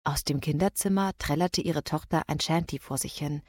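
Woman narrating an audiobook, lowish and dry. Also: dry recording. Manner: measured, steady storytelling. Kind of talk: scripted narration.

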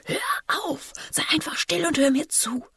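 A woman's voice: high-pitched, a little slow, vocal fry, fairly bright tone, dry recording, studio quality, voice pushed up, full character voice. A woman voicing a frightened older sister girl who hisses urgent, pleading orders in a whispered role-play.

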